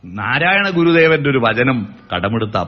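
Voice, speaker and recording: A man giving a public talk on family and education, animated, breaking into sung lines to make his points. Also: medium pitch, measured pace. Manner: animated, sings song lines and acts out calls to make points. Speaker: motivational speaker. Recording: dull lo-fi recording.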